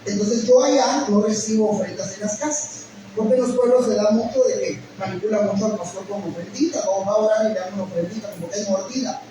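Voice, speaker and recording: A middle-aged Guatemalan pastor with a high voice speaks fast with hardly any pauses, emotionally telling a testimony in a sermon and calling listeners brother. The recording is noisy and echoey, picked up from a distance in a hall.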